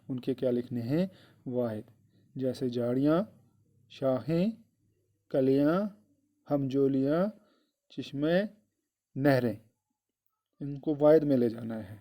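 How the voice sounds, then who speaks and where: A male schoolteacher with a dark, mellow voice talks his class through a lesson. He goes slowly, says phrases twice and keeps turning to the children with questions. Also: mid-range voice. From Kashmir. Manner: slow and repetitive, addressing the children directly. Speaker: teacher. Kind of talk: classroom lesson explaining a poem.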